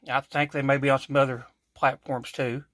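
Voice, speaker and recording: A man's voice: medium pitch, level tone, fast talker, fairly bright tone, dry recording. A man from Kentucky with an Appalachian accent hosting a home cooking vlog in a folksy, chatty way, correcting himself as he goes. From Kentucky, USA. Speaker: cooking channel host. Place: home kitchen.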